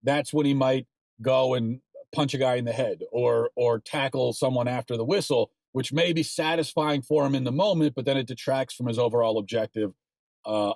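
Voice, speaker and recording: Male host, solo political commentary, mid-pitched, argumentative and emphatic, dry close-miked studio sound. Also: steady tone, fairly quick, darkish tone, dry recording. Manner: argumentative, rising to emphatic insistence; sports analogies.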